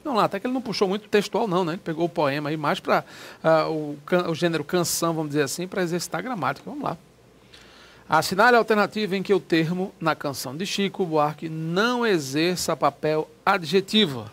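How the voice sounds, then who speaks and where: A man's voice: fairly high pitch, fast talker, a bit bright. A man teaching a grammar lesson for an exam, explaining step by step and asking himself rhetorical questions.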